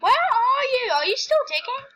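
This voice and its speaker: Young girl gamer, high lively voice, chatty and giggly commentary. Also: moderate pace, low-quality recording. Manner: chatty and giggly, rambling with fillers. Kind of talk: casual gameplay commentary.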